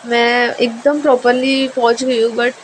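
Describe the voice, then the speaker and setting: A woman's voice: on the high side, flat delivery, a little slow, slight background noise, close to an everyday voice. A woman voicing a playful young woman in love who teases and coaxes her partner, in a spoken love story. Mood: teasing, coaxing. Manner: teasing, coaxing, fake-whimpering.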